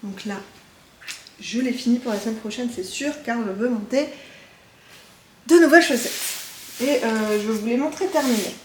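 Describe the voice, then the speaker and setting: A woman's voice: a little high, normal speed, pauses often, roomy sound, a little hiss or hum. A woman chatting casually as she shows her knitting projects, talking in a loose, hesitant way with frequent filler sounds. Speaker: knitting vlogger. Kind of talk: casual show-and-tell chat.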